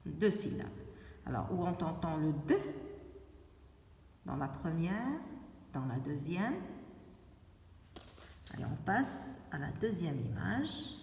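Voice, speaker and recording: Woman teacher, slow and clear for small children, swings up and down in pitch, syllable by syllable, far from the mic. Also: big pitch swings, a little mellow, echoey room, long reverb tail, a little hiss or hum. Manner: slow, spells out words syllable by syllable; asks questions then answers them herself. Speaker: primary school teacher. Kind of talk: reading lesson for young children.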